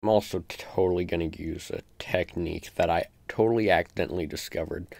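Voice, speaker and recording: Low, gravelly-voiced man explaining beats. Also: steady tone, fairly quick, darkish tone, no room sound. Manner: casual, loose explanations with many fillers. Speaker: music producer. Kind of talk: live-stream beat-making walkthrough.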